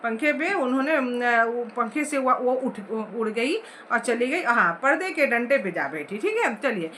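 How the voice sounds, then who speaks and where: A woman's voice: on the high side, expressive, measured pace, fairly bright tone, a little hiss or hum. A woman teacher explaining a story chapter line by line, asking the class questions as she goes.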